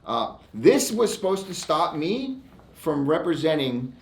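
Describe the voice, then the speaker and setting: An American lawyer hosts his own segment, speaking to camera in an informal, emphatic, defiant monologue while reading out e-mails. His voice is on the high side with big pitch swings and a slightly slow pace, marked by frequent stops and repeats, in an echoey room.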